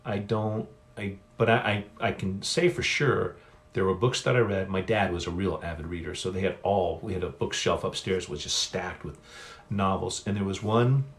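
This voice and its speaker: A man's voice: low voice, normal speed. A middle-aged man hosting a solo author livestream Q&A, talking in a rambling, chatty way and often correcting himself, recorded on a phone. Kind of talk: casual solo livestream chat. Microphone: phone on a stand.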